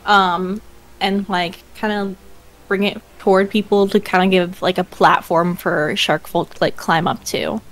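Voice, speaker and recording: A woman's voice: on the low side, steady tone, unhurried, rough recording. A woman chatting casually as a player in a tabletop game, describing her moves.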